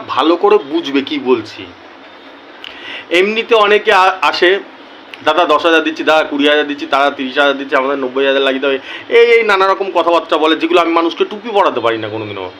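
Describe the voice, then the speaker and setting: A man with a slightly raised pitch speaks slowly and deliberately to his channel's viewers, repeating words to drive a point home. His tone is earnest and personal, like a casual talk straight to camera. A faint hiss sits under the voice. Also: fairly bright tone, poor audio. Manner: slow and deliberate, repeats key words for emphasis. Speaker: YouTuber addressing his viewers.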